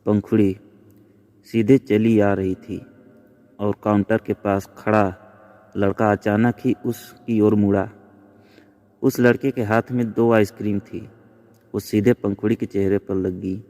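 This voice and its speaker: Male storyteller, slow measured narration, long reverb. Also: on the low side, flat delivery, dark tone.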